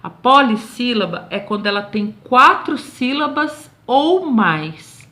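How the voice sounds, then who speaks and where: Slow, patient Brazilian teacher woman. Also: a little high, sing-song, sharp tone. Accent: Brazilian Portuguese. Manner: patient, slow and drawn out, checks in constantly with "tá bom?". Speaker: schoolteacher. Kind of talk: recorded remote lesson correcting homework.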